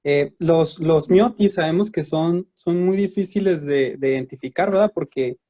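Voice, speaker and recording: A man's voice: a little high, normal speed, warm tone. A man moderating a question session, asking questions hesitantly with many restarts.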